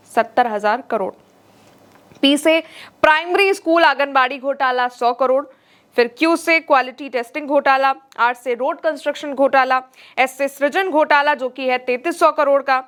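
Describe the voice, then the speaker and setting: A woman's voice: high-pitched, a bit bright, clear, resonant tone. A woman presenting scripted political news narration in an emphatic, dramatic way.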